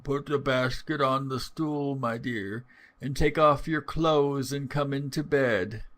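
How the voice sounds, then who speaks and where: Man voicing a sly, gruff storybook wolf. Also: medium pitch, steady tone, slow, fairly bright tone, pitched above the performer's own voice. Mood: coaxing. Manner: coaxing, feigning feebleness. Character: large cunning male wolf posing as gentle granny.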